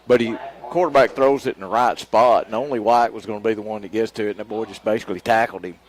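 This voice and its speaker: A man's voice: lowish voice, steady tone, fast, low-quality recording. A man with a Southern US accent giving casual, folksy color commentary on a live football game. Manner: folksy, plain-spoken.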